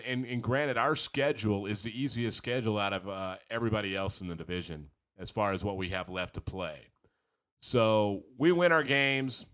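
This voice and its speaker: A man hosting a sports fan podcast, talking casually and frankly while hoarse from a cold. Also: lowish voice, fairly bright tone. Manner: frank, rambling, self-deprecating fan talk. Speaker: podcast host.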